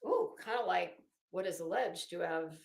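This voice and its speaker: Her voice is lowish, creaky and expressive, at a moderate pace. As host, this middle-aged woman delivers a rambling, sarcastic monologue full of theatrical mockery, recorded in an echoey room.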